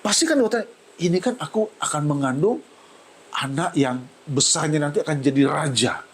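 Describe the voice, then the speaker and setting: A man's voice: fairly high pitch, lively intonation, normal speed, low-quality recording. Male pastor, church sermon, tearful and emotional, voice rises when moved, faint noise behind. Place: church service.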